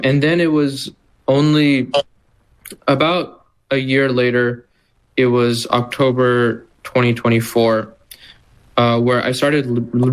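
A young man in his twenties gives casual interview answers in a level, even voice of middling pitch. He speaks loosely, with occasional "like" fillers. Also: clean tone, low-quality recording. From Texas. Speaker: interview guest, activist.

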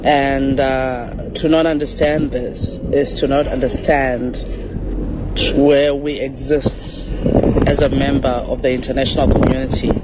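A man, a writer and activist, gives a slow, measured statement with frequent pauses and fillers, recorded with background noise. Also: mid-range voice, level tone. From South Africa.

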